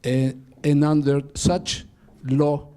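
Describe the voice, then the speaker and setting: Concise Ecuadorian lawyer, mellow voice. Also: male voice, on the high side, little pitch movement, slow pace, clean tone. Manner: concise, structured, speaks with slight slips. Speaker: corporate lawyer, panelist. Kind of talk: panel presentation.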